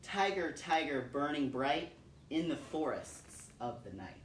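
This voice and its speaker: A man hosts a storytime, reading poems aloud to children and chatting with them. His voice sits a little high and sounds animated yet unhurried. The recording is roomy, with a distant mic and faint noise.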